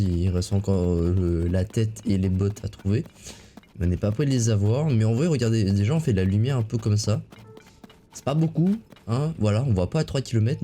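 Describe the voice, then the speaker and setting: Deep mellow-voiced man commentating a game. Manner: chatty, reads in-game dialogue aloud. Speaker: gamer. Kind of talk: let's play commentary.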